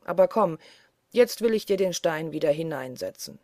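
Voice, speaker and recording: A woman's voice: deep voice, animated, normal speed, a little mellow, no room sound, studio quality. A woman reading as a sly boasting forest giant. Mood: boastful. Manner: mocking, boastful. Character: huge greedy sly male forest giant.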